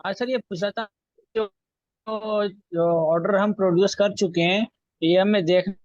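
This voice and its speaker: A male student asking a question in an online class over a bad connection that keeps cutting out, speaking haltingly and checking that he can be heard. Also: sits high, fairly even intonation, darkish tone, no room sound, lo-fi sound. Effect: choppy, breaking-up online call audio.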